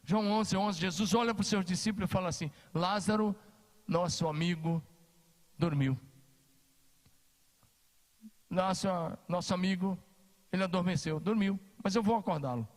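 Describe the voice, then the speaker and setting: A man's voice: sits high, brisk, in a large hall. A Brazilian man preaching a sermon as pastor, emphatic and repeating his key phrases. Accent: Brazilian Portuguese. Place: church hall.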